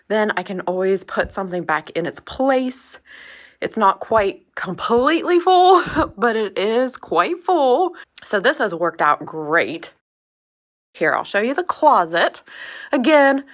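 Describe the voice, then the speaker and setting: Chatty woman giving a home tour. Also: medium pitch. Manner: chatty, relaxed, laughs at herself. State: a little out of breath. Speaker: home vlogger. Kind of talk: casual home tour narration.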